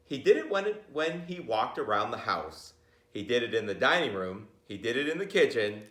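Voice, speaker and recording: A bright-ish, medium-pitched man speaking in a sing-song way at normal speed. Reading a picture book for children, he plays to his listeners directly with chatty side remarks. The room audibly echoes.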